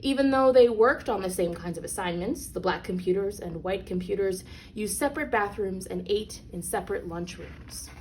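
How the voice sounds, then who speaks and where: A woman reads a children's picture book aloud as a storyteller, with deliberate, emphatic phrasing for young listeners. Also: medium pitch, a little mellow. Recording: clearly noisy background.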